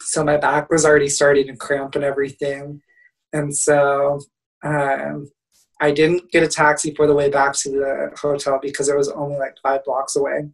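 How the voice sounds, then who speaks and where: A man's voice: on the high side, normal speed. Young man telling a story, distant mic. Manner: lively, laughing storyteller. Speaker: guest, motivational speaker. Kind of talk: casual storytelling.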